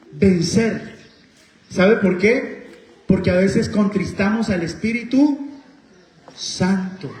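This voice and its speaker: A man's voice: very high-pitched, darkish tone. A man with a Honduran Spanish accent preaching a sermon, asking the congregation questions and telling personal stories. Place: church hall. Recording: echoey church hall.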